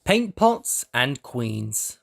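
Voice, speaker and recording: Slow expressive male storybook narrator. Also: mid-range voice, vocal fry. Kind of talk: storybook reading.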